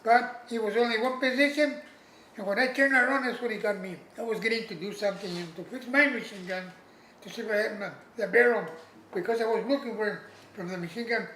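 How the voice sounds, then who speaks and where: An old veteran over 80 talks about his service in a casual, oral-history-style interview. His voice sits high with a sharp edge, and he speaks plainly but haltingly, repeating himself during pauses while he reaches for words. Faint background noise and a roomy echo fill the recording.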